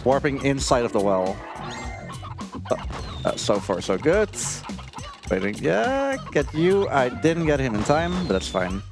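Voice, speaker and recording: Speedrunning a video game on a live marathon stream, a man chats casually and pokes fun at himself in a sing-song, mid-range voice with vocal fry. He talks a little slowly, with game audio and game music in the background.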